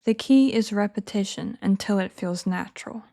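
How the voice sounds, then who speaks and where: A woman narrating a scripted English lesson in a clear, measured, encouraging teaching manner. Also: mid-range voice, warm tone.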